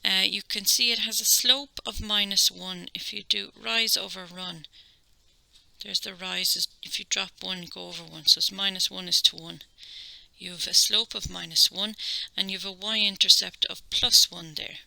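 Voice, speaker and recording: A woman's voice: mid-range voice, steady tone, normal speed, gravelly, sharp tone, dry recording, poor audio. A woman with an Irish accent teaching a maths lesson, explaining each step patiently and checking in with "okay?".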